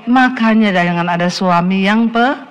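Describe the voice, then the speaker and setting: A middle-aged woman pastor preaching a sermon, telling a story lively and with teasing asides. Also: medium pitch, a little slow, clear, resonant tone, muffled recording, faint music behind.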